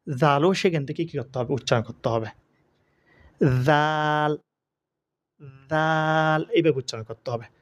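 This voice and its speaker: A man's voice: fairly high pitch, no echo. A man teaching the pronunciation of Arabic letters, stretching each sound and asking questions he answers himself. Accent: Bangladeshi. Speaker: Quran teacher.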